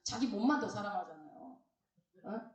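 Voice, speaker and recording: In a church hall, a middle-aged female pastor leads an animated, playful Bible-study sermon, quizzing the congregation and performing the voices she quotes. She speaks in a mid-range voice at a normal pace, picked up by a distant mic with a spacious church sound.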